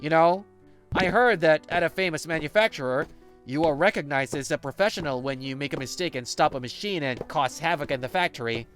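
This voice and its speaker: In an English manga dub, a man plays an easygoing, patient office senior with an expressive, conversational delivery close to an everyday voice. He speaks a little fast at a fairly high pitch, with faint music behind him.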